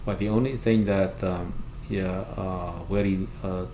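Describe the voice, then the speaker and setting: A Cambodian-accented man whose native language is Khmer tells of his own experiences in simple, halting English during an oral history interview; he works in refugee services and is a pastor. His low voice is warm, with fairly even intonation, captured amid roomy echo and noticeable background noise.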